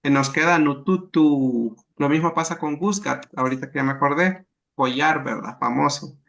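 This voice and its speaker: A man's voice: on the high side, a little fast, gravelly, pushed and bright. A man teaching a language class, patiently explaining grammar and checking understanding with frequent questions.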